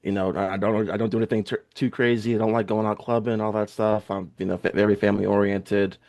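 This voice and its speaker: A young American man speaks as a podcast guest, relaxed and easygoing. He hesitates often and fills gaps with small fillers. His voice sits a bit low. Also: fast talker, creaky. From United States. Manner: laid-back, hesitant, many fillers. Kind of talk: casual podcast chat.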